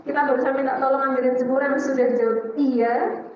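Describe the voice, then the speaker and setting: A woman's voice: sits high, brisk, background noise. Woman ustadzah w javanese-tinged indonesian, playful q-and-a teaching, far from the mic, kinda dull sound. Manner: lively, asks and answers her own questions, playful. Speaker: Islamic teacher and psychologist. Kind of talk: religious study talk to women. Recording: echoey hall, distant dull mic.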